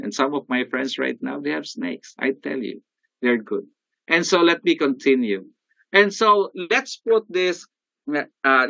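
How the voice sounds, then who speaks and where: An older man with a Filipino accent giving an animated motivational sales talk, often calling out to his audience. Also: mid-range voice, vocal fry, dry recording, dull audio. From Philippines. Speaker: sales coach.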